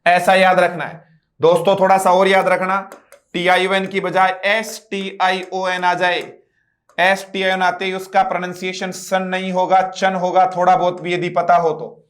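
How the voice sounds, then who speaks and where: A man's voice: sits high, completely flat delivery, normal speed, a bit bright. A man teaching an English lesson, spelling words letter by letter and asking students to repeat. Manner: repeats words and quizzes listeners with rhetorical questions. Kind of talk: online class lecture.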